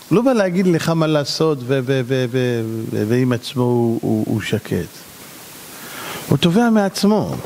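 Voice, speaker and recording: Man, rabbi, sermon, animated, high voice, reverberant hall. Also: a little hiss or hum. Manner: animated, acts out dialogues, shouts at peaks.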